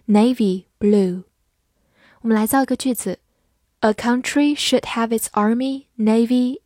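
A woman teaching English vocabulary, spelling words letter by letter and reading example sentences slowly and carefully. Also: a little high, mellow, no echo, clean studio sound. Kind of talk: vocabulary lesson narration.

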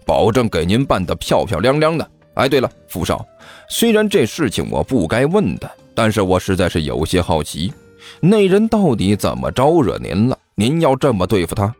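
A man's voice: huge pitch swings, normal speed, darkish tone, soft background music. A man voicing a greedy hired thug on the phone who fawns over his paying client. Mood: fawning. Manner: ingratiating, low, eager to please.

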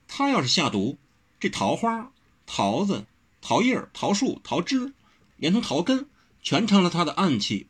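A proud, quick-tempered young heroine from a martial-arts audiobook, voiced by a man. She teases with a lifted, lively voice that has a husky edge. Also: on the high side, voice pushed up, heavily acted. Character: spirited proud young woman, wuxia heroine.

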